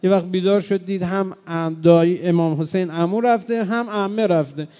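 A man preaching a mourning sermon, swinging between loud cries and low, grieving tones. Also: fairly even intonation. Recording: long hall reverb.

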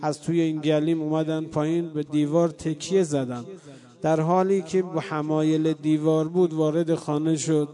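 A preacher leads a mourning sermon for a live indoor gathering, alternating between quiet narration and long, loud chanted laments. He sits on the high side, with little movement in pitch.

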